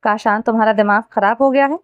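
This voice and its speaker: A woman's voice: fairly high pitch, steady tone, dry recording, muffled recording, lightly acted. A woman voicing a middle-aged father who scolds and pleads with his stubborn son, read from a novel. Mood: scolding. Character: angry, fearful middle-aged father, helpless.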